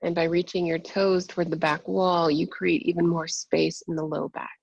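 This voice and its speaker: A woman leads a yin yoga class in a soft, breathy voice with a gravelly creak. Her cues are gentle, soothing and unhurried. The sound is dry and slightly muffled, as in a close lo-fi recording. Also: fairly low pitch, flat delivery, no echo. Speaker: yoga instructor. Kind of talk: guided yin yoga instruction.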